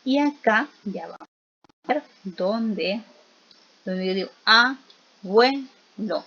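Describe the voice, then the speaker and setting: Woman teacher going slow thru a lesson, says each example twice, kinda muffled lo-fi audio. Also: medium pitch, lively intonation. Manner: slow, patient, repeats vowels and examples aloud; asks the listener to repeat after her. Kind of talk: recorded spelling lesson.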